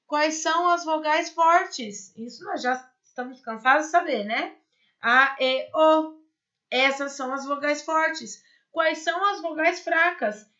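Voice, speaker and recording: The voice is high-pitched, bright and forceful, a little slow, and the sound is lo-fi. A woman from Brazil is teaching Spanish in a recorded online class, patiently walking students through each step, posing rhetorical questions and checking in with "certo?" and "né?".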